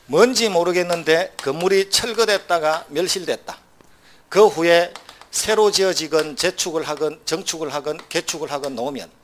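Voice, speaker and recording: A man's slightly high voice runs through a law exam lecture at a brisk clip. He keeps firing either-or questions at the class and slipping in dry, joking asides. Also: fairly bright tone, a little hiss or hum. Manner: brisk, quizzing students with rhetorical either-or questions; wry asides with short laughs.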